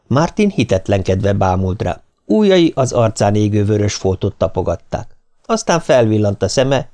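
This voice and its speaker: Man reading a thriller with lively pitch. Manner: expressive, dramatic reading. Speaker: audiobook narrator. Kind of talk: dramatic audiobook narration.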